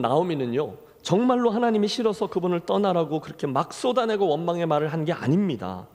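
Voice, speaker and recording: Male pastor's sermon, animated pitch, somewhat high, long church hall reverb. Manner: acts out the quoted voices with pitch and tempo shifts; addresses the congregation often as "여러분".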